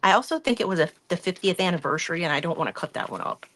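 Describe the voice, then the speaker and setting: Chatty woman crafting live, lowish voice. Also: sing-song, racing, a bit bright. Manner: chatty, rambling, talks through her hands-on work. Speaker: craft live-stream host. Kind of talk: casual chat while crafting.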